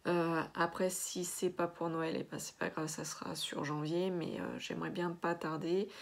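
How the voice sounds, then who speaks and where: A woman chatting casually through a craft unboxing, hesitant with many filler pauses. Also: lowish voice, little pitch movement, creaky. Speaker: diamond painting vlogger.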